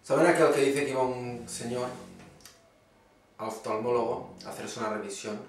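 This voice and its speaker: A man telling a string of jokes for his videoblog in a slow, dry storyteller's way. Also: mid-range voice, steady tone, slight background noise. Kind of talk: stand-up joke telling. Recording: echoey room, far from the mic.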